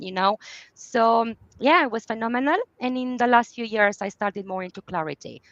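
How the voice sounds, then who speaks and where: Romanian-accented woman in her 30s, coach guest; bright, dry sound. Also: on the high side, dry recording, highs cut off. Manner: warm, laughs often, non-native phrasing. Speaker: guest, business clarity coach. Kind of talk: podcast interview.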